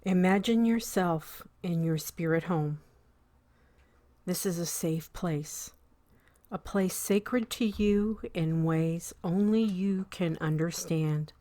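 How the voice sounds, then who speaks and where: A woman reads a scripted guided meditation in a soothing, measured way, her soft, lowish voice often fading toward a whisper. Long pauses separate her short phrases, and there's no echo.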